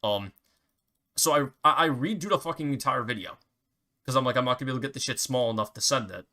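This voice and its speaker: A man's voice: mid-range voice, lively intonation, fast, sharp tone. A young man ranting casually to camera, swearing often and restarting his sentences. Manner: profane, rambling rant with many restarts. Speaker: vlogger.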